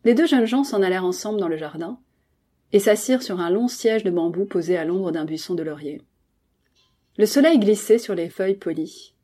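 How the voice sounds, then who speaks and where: Mellow-voiced woman narrating a novel. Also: medium pitch, moderate pace, husky. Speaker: podcast host and reader. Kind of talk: audiobook reading of a classic novel.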